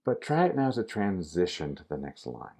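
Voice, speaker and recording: A man's voice: low-pitched, very animated, a little fast, warm tone. A man giving a casual acting lesson, coaching the listener directly through a scene. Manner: casual instructive, addresses the student directly. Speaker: acting teacher.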